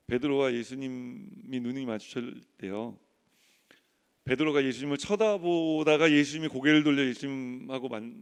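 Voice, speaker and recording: Man preaching with long hall reverb. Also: medium pitch. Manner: swings from loud emphatic preaching to soft, hushed tones; acts out quoted voices in dialogue. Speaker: pastor. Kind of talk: sermon. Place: church sanctuary.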